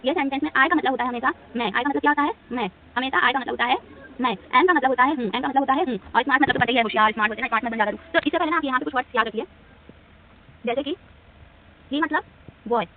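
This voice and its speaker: A woman's voice: sits high, rapid-fire. A woman teacher with an Indian accent, explaining a lesson at a board, asking questions and answering them herself. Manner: asks and answers her own questions, repeats words. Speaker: English teacher. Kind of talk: whiteboard lesson. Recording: tinny lo-fi phone-like recording with faint hiss.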